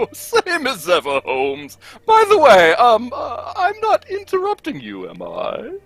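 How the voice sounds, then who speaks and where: An actor performs a genial older gentleman doctor in an old-time radio play. The delivery leaps dramatically up and down, full of exclamations and hearty storytelling. Light music sits behind the voice. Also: sits high, wildly swooping pitch, takes it slowly, creaky, dry recording, exaggerated voice. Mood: eager, friendly.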